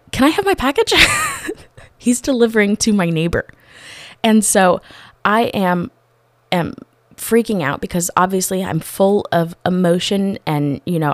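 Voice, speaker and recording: Brief: woman, lowish pitch, heartfelt testimony, acts out dialogue, dry close sound. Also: no echo. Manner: earnest, animated retelling with quoted dialogue; many restarts and fillers. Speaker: storyteller sharing a faith testimony. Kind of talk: casual personal testimony.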